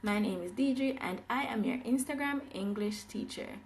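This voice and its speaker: A woman's voice: medium pitch, normal speed. A woman from Jamaica teaching English on a live phone stream, cheerfully greeting viewers and repeating her welcomes.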